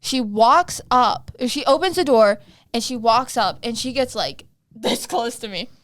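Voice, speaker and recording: A young woman in her twenties tells a rambling, animated story as a podcast co-host, leaning on "like" at every turn. Her voice sits a little high, recorded close and dry with no room sound. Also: measured pace, no room sound. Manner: animated, rambling, heavy use of "like". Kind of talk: casual storytelling chat.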